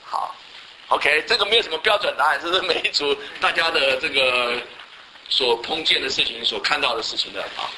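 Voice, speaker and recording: A man leading a group Bible study, asking the group quick questions and reading scripture aloud with them. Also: on the high side, sharp tone, a little hiss or hum, poor audio. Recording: voices of a group reading along in a room.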